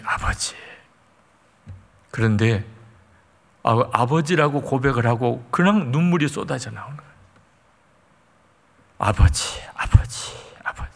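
A man with a gravelly voice preaches in a storytelling way, warmly emotive and at times sinking to a near whisper. His words ring out with a long hall reverb behind them. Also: medium pitch. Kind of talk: sermon storytelling.

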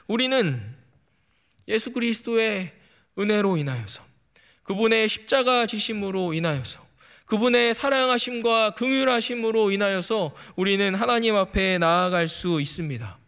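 A man's voice: high voice, expressive, moderate pace, fairly bright tone, clear, resonant tone. A man preaching a sermon to a congregation in an earnest tone, reading scripture aloud and addressing his listeners directly. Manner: reads scripture aloud and quotes it dramatically. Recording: long hall reverb.

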